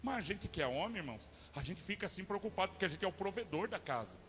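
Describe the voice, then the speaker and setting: A Brazilian man in middle age is preaching, and his high voice rings with a bright, forceful edge. He moves between easy, conversational questions to the congregation and fervent, shouted declarations. A long church-hall reverb trails each phrase, and faint music sits underneath. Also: animated, quick pace, a little hiss or hum. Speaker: pastor. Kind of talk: sermon.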